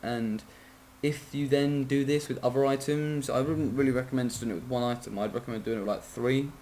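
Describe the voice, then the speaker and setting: A man's voice: medium pitch, fairly even intonation, brisk, dark tone, slight background noise. A man giving a casual, rambling game tutorial, sleepy and yawning, often apologizing, correcting himself and swearing.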